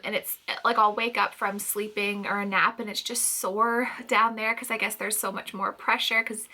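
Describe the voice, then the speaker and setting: A woman's voice: on the high side, bright, forceful tone. A woman in her thirties from Canada, pregnant and audibly out of breath, chatting casually in a home vlog with lots of "um" fillers and light laughs. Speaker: vlogger.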